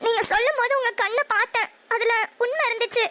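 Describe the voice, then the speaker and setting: A woman's voice: very high voice, fast, pushed and bright. A woman voicing a hurt, sulky young wife in a cartoon who talks back petulantly. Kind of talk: cartoon voice acting.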